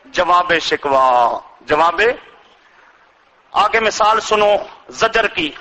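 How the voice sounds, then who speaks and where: A man's voice: high-pitched, animated, pushed and bright, slight background noise, rough recording. An older male Islamic scholar with a Punjabi accent, giving a sermon that poses rhetorical questions to his listeners and chants Quranic verses.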